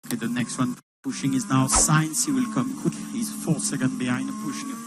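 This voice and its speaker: A man's voice: medium pitch, fairly even intonation, moderate pace, loud music behind the voice. A man working as a race engineer, giving clipped, procedural instructions over race car team radio through a radio transmission. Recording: very noisy team radio, vehicle noise.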